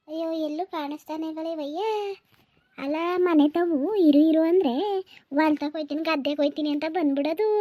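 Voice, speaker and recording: A woman's voice: high-pitched, dark tone, close to an everyday voice. A woman voicing a fretful village wife who sighs over and over, with a rural Mysore-Mandya Kannada accent. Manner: fretful, repeated sighs of "ayyo". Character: village woman looking for her husband, fretful. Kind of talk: cartoon voice acting.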